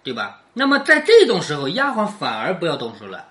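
A woman's voice: low-pitched, wildly swooping pitch, brisk, a bit bright. A woman teaching a class, reading a classic novel aloud and explaining it line by line while checking in with questions.

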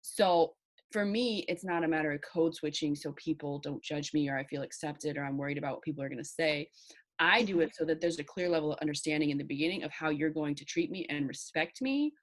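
A woman's voice: low-pitched, a little fast. A woman in her thirties in casual podcast chat, assertive and self-assured, speaking with emphasis. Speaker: podcast co-host.

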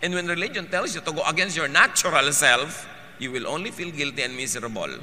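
A man preaching a sermon, mixing Tagalog and English, with an animated and forceful delivery. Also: fairly high pitch, a little fast, long reverb tail, slight background noise. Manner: animated, switching between Tagalog and English, rising to forceful emphasis.

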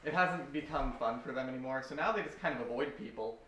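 A man's voice: medium pitch, fast talker, a bit bright. A man in a tabletop game introducing his character in a hesitant, casual way with fillers. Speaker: player. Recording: roomy room, distant mic, faint noise.

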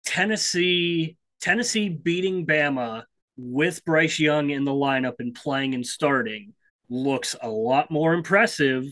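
A man co-hosting a casual sports podcast, building his points in a measured way and restarting his sentences. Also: fairly high pitch, a bit bright. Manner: measured, keeps repeating "here's my thing". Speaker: podcast co-host.

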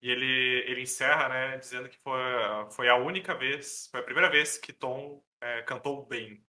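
A man discussing a novel chapter with friends in a casual, animated chat. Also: mid-range voice, normal speed.

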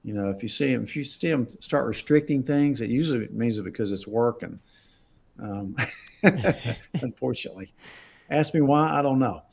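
A man's voice: medium pitch, normal speed, vocal fry, a little mellow, breathy edge. A man, a doctor, answering viewer questions in a live Q&A, talking conversationally and emphatically with frequent chuckles. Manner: conversational, emphatic, laughs often.

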